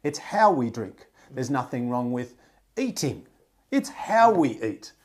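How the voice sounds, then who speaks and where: A podcast host talks slowly in a mid-range voice during a casual podcast conversation. He's blunt, emphatic, and animated, swearing freely and filling his speech with restarts and fillers.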